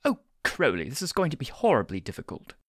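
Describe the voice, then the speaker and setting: A woman's voice: rumbling low, huge pitch swings, a little fast, no echo, studio quality, exaggerated voice. A woman voicing a prim, bookish male angel who talks in a flustered, waspish way.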